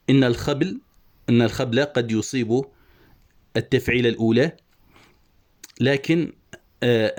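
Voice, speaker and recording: A man teaching an online lesson on poetic meter, methodically explaining the verse and slowly spelling out each syllable. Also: mid-range voice, darkish tone. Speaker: Arabic prosody teacher.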